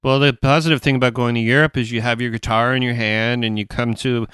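A man's voice: mid-range voice, fast talker, clear, resonant tone, no room sound, studio quality. A man hosting a podcast in casual chat, telling jokey, profane road stories. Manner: animated storyteller, jokey and profane. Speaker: podcast host.

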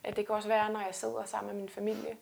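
A woman's voice: mid-range voice, monotone, creaky, a little mellow. A woman weightlifter talking earnestly and reflectively in a casual interview, often restarting her sentences. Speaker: guest weightlifter.

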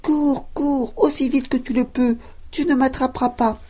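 A cheeky little gingerbread man from a storybook, taunting his chasers in a shrill sing-song chant, as a woman reads him. His voice sits far above a low speaking voice and rings out loud and bright. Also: fairly even intonation, moderate pace. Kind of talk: storybook reading for children.

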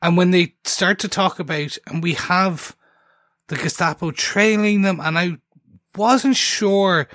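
A podcast co-host chats casually about a TV episode, rambling enthusiastically and interrupting himself to restart. His voice sits high and a bit bright, and he takes it slowly, captured in a dry, clean studio recording.

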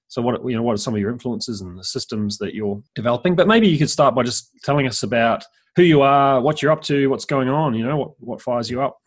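Husky-voiced male podcast host. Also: mid-range voice, fast, few pauses. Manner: friendly, rambling questions with restarts. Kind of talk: casual podcast interview.

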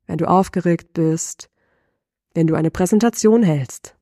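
A middle-aged woman voice coach giving a lesson, asking the listener slow, deliberate reflective questions. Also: on the low side, warm tone, dry recording, studio quality.

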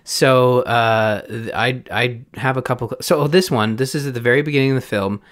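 A man's voice: medium pitch, moderate pace, fairly bright tone. A Canadian man hosting a film podcast, chatting casually with chuckles and many restarts. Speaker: podcast host.

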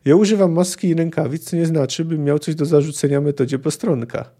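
A calm, learned alchemist explains things in refined, precise wording, read aloud by a man. The voice sits a little high, with a soft, dark tone. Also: fairly quick. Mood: calm, lecturing. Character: urbane learned male alchemist.

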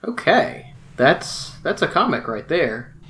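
A man's voice: a little high, big pitch swings, slow, bright, forceful tone, soft background music. A man co-hosting a comic book podcast, chatting casually and often restarting his sentences. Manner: chatty, with frequent restarts and many "mm-hmm"s. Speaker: podcast co-host. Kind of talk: casual chat about comics.

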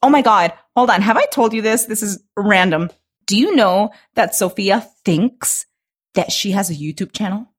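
A young adult woman co-hosting a podcast in casual chat, animated and quick to laugh, swearing casually. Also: mid-range voice, slightly rough. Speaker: podcast co-host.

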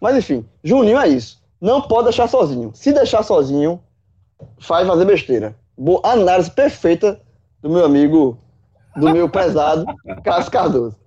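A man, a football pundit in casual chat, animated, swearing and full of folksy analogies. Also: sits high, normal speed, slightly rough, lo-fi sound. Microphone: remote call.

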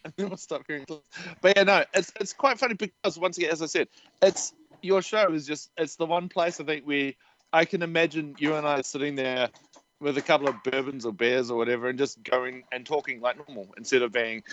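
NZ-accented male podcast co-host, slightly high voice, loose and sweary, muffled lo-fi audio. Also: fairly even intonation, brisk, fairly bright tone. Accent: New Zealand. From New Zealand. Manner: laughs often, swears freely. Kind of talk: casual chat. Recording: dull lo-fi sound with faint noise.

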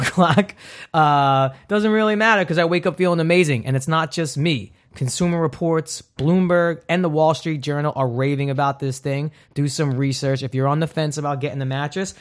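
A man's voice: a little high, fairly quick. Joking, upbeat male podcast host. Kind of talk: casual podcast chat with ad reads.

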